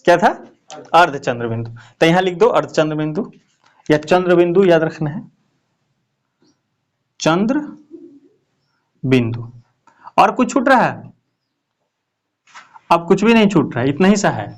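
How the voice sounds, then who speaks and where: Male teacher, fairly high voice, keeps asking the class stuff and repeating it back. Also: big pitch swings, a little slow, pauses often. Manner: asks students questions and repeats answers. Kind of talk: classroom lesson.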